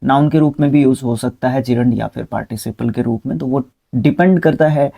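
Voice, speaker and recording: A man's voice: medium pitch, brisk, creaky, dark tone. A man teaching English vocabulary in a casual spoken lesson, talking students through spellings, repeating words and correcting himself mid-word.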